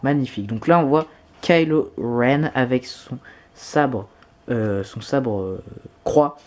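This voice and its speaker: Speaking slowly in a darkish, medium-pitched voice, a YouTuber unboxes items at home for his vlog. He's enthusiastic throughout, gushing over every piece with frequent exclamations.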